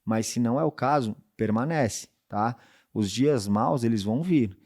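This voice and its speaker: Male podcast host, mid pitch, easygoing coaching talk full of tag questions. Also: a little slow, darkish tone. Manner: conversational, checks in with frequent tag questions. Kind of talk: casual advice talk.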